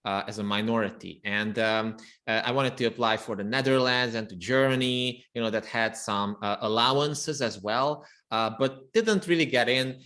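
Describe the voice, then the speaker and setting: A man's voice: medium pitch, moderate pace, few pauses, fairly bright tone. Hungarian-speaking copywriter man, thoughtful. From Romania. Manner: thoughtful, restarts often. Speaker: guest copywriter. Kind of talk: podcast interview.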